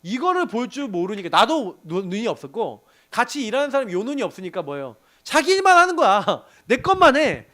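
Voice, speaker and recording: Lively high-voiced pastor telling stories. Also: male voice, a little fast, hardly any pauses. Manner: animated storytelling with laughs and acted quotes. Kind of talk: sermon to a young adults group.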